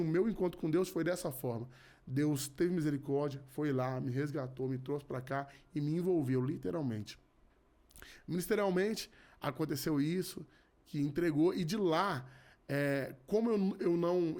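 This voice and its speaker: With a fairly high pitch and a darkish tone, a Rio de Janeiro gospel musician in his thirties speaks as a podcast guest. His sincere testimony comes out chattily, as he keeps restarting and repeating words.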